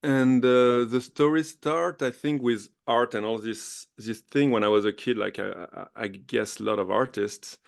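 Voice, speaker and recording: A Frenchman in his thirties, a podcast guest, chats eagerly in a casual interview, often laughing and restarting his sentences. His medium-pitched, creaky voice moves at normal speed with fairly even intonation and few pauses, carrying a French accent.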